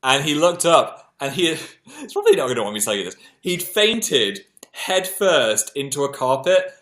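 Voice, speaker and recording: A man's voice: fairly high pitch, wildly swooping pitch, moderate pace, fairly bright tone. A man with a British accent hosting a livestream, chatting casually and telling self-mocking stories to his viewers. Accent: British English. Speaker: livestream host.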